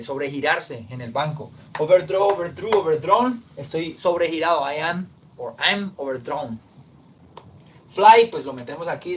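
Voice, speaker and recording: A man teaching English verb forms, explaining slowly and step by step in Spanish with English examples. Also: a little high. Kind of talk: recorded classroom lesson. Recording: dull lo-fi sound with faint background noise.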